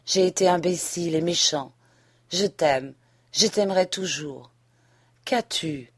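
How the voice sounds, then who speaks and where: Read by a woman, a self-serving country gentleman who speaks calmly and keeps a cool distance. The voice sits low and is recorded dry and close. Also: measured pace, husky, no room sound. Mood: coaxing. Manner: calm, detached. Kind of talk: audiobook reading of a classic novel.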